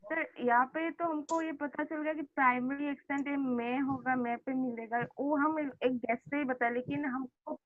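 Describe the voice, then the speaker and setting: High-voiced student on a tinny line. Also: female voice, steady tone, moderate pace, few pauses, dry recording. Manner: asks questions politely.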